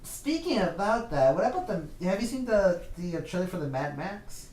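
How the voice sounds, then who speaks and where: An excitable man co-hosting a casual podcast. He trips over his words and restarts often, and his voice sits a little high. The room is echoey, with a faint hiss behind him. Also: moderate pace. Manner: excitable, stumbling restarts, laughs easily. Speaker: podcast co-host. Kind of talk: casual chat.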